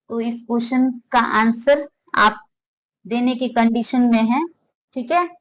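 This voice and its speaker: Woman teacher for an exam-prep class, unhurried, repeats every example word aloud. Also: a little high, rough recording. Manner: explains slowly, repeating example words aloud for learners to copy; mixes Hindi with English terms and reads English lines slowly.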